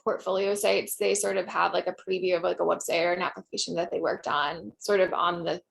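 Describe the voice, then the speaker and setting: A woman student with a lowish, creaky voice and fairly even intonation talks a little fast during a class discussion. She sounds casual and tentative, peppering her speech heavily with "like" and other filler words.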